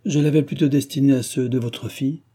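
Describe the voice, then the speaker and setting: A man's voice: mid-range voice, fairly even intonation, a little fast, mellow, slightly rough, voice pushed up, close to an everyday voice. A man voicing a reserved young heiress in an audiobook, speaking in a polite, cool and firm way.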